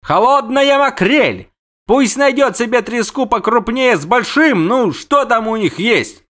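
A man voicing a loud, imperious, lovesick nobleman in an audiobook, barking commands. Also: high-pitched, very animated, moderate pace, pitched above the performer's own voice. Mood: furious. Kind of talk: audiobook character voice.

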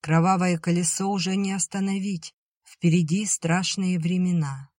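A narrator voicing an anxious, excitable young woman who reads out a letter in an audiobook reading. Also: mid-range voice, normal speed, no echo, studio quality, close to an everyday voice. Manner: excited, worried.

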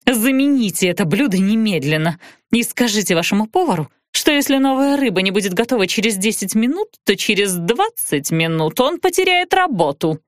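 A woman voicing a haughty, capricious young blonde woman who speaks in a drawn-out, imperious, snappish way. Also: mid-range voice, sing-song, no room sound, clean studio sound, lightly acted.

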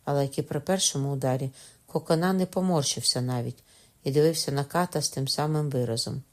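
A woman narrating a classic novel in a steady, even storytelling voice. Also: rumbling low, fast talker. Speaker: audiobook narrator. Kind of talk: scripted narration.

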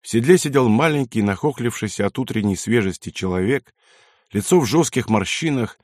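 A man narrating a war novel as an audiobook, reading in a measured, dramatic way. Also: medium pitch, expressive, a little mellow, dry recording, clean studio sound. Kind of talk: scripted narration.

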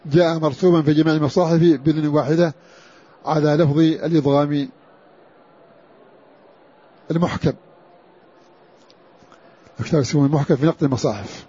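A man's voice: on the high side, mellow, slightly rough. A man teaching a class on Quran orthography in a lecture style. He repeats phrases for emphasis and chants short recitation examples. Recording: dull lo-fi lecture recording.

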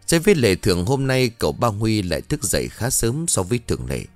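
Low-voiced man narrating a ghost story. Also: quick pace, no room sound, soft background music. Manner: dramatic, expressive.

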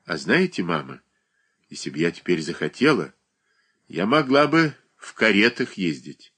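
A man's voice: low-pitched, very animated, moderate pace, pushed and bright, breathy edge, full character voice. A man reading aloud, voicing a proud, bitter young woman who speaks with scorn and defiance. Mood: bitter scornful.

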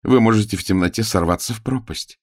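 This studio take has no echo and catches a man voicing a lovely, musical noble lady from a storybook, honeyed on the surface and cruel at heart. His voice sits fairly low yet is pushed above his own natural pitch. He moves quickly, acts it lightly, and keeps a coaxing, sing-song sweetness throughout.

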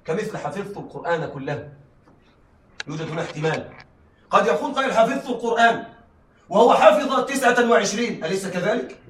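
Male lecturer, rapid and high-voiced, keeps asking the class if they follow; roomy sound from a mic set back. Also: expressive, a bit bright, slight background noise. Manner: checks in with the class, frequent laughing asides. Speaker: teacher. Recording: echoey room, mic at a distance.

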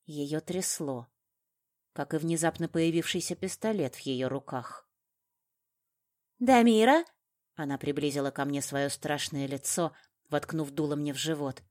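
Low-voiced woman, first-person audiobook narrator, measured and dramatic. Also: steady tone, darkish tone.

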